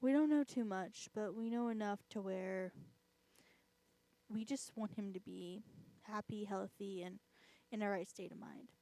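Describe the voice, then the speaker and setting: A woman's voice: mid-range voice, measured pace, warm tone. A woman vlogger chatting casually, rambling and filling her talk with "I mean" and self-mocking laughs. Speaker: vlogger and host. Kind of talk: casual chat.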